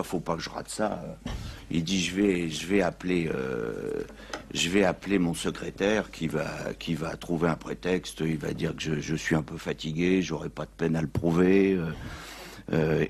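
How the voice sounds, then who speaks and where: A man telling a long joke on a radio panel show, acting out the characters in loud, high bursts. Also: breathy edge. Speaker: comedian telling jokes.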